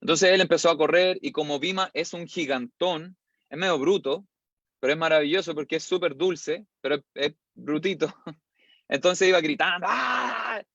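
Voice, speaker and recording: A man leads a class and tells its stories with animated, playful energy. His voice sits a little high for a man. The recording is dry and slightly dull, lo-fi. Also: no echo. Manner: animated, playful storyteller who acts out scenes. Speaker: teacher. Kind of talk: lively storytelling lesson.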